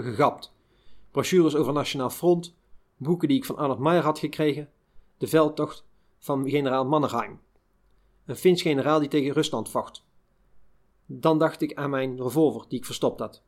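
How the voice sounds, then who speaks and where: A man reading a first-person wartime memoir aloud in a measured, unhurried way. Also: fairly high pitch, darkish tone. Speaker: reader of a memoir.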